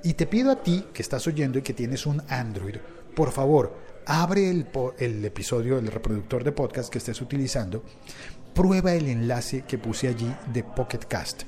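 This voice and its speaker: A man's voice: mid-range voice, animated, normal speed, mellow. A man hosting a casual podcast, chatting and telling stories with many restarts and hesitations. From not from Mexico. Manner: rambling, frequent restarts and hesitations, playful storytelling. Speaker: podcast host.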